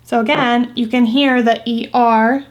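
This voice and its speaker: Slow, patient woman teaching phonics. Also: fairly high pitch, steady tone, highs cut off. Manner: patient, repeats example words slowly. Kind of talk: recorded phonics lesson for young students.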